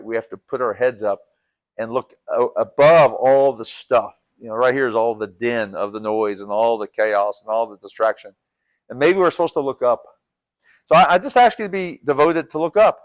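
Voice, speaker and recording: Earnestly urging his congregation, a pastor with a mid-range, strong coach-like voice keeps repeating and restarting his phrases throughout his sermon, captured in a dry recording.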